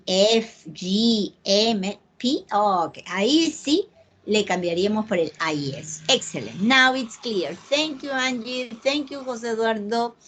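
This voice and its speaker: Profesora de inglés de voz aguda y pausada. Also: female voice, fairly high pitch, slight background noise. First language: Spanish. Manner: slow, patient, switches between English and Spanish. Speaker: English teacher. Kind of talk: online English lesson.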